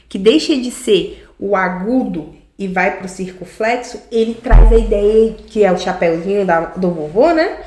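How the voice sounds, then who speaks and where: A woman with a Brazilian Portuguese accent, a teacher giving a recorded grammar lesson, explaining step by step and often checking in with the class. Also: on the high side. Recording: echoey room.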